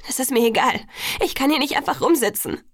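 Brief: young woman on the edge of tears, whispery to shrill, gravelly edge; read by a woman. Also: fairly even intonation, normal speed, no room sound, studio quality. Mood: distraught. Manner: whispering, rising to shrill outbursts.

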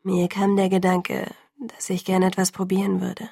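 Audiobook: gentle, amused young male vampire, read by a woman; soft, low, husky edge. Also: completely flat delivery, normal speed, no room sound, studio quality. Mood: soft teasing.

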